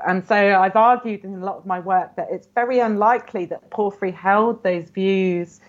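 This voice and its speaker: A woman scholar in an interview, explaining ancient texts earnestly and often saying "you know". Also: mid-range voice. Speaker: guest scholar. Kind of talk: academic interview. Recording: muffled lo-fi audio.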